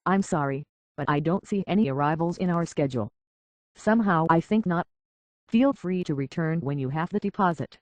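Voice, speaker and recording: A man with a slightly high, darkish voice speaks at a moderate pace, with no echo and a sound close to his everyday voice. In scripted video game acting, he plays a courteous, anxious robot butler and hotel concierge. The character has a British accent and comes across as formal, fussily polite, prim, and officious.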